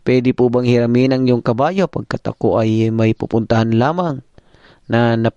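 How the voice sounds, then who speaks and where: A man's voice: moderate pace, warm tone, clean tone, no echo, close to an everyday voice. A man voicing a panicky male traveler on a runaway horse, yelping in sudden bursts, on a dull, dry recording. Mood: polite. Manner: yelps in sudden high bursts.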